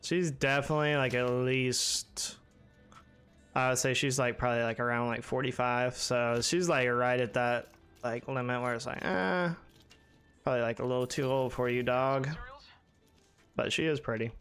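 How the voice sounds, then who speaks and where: A man's voice: medium pitch, steady tone, normal speed, a bit bright, clear, resonant tone, faint music behind. A young man streaming a game live, chatting casually and rambling with lots of fillers while answering his chat.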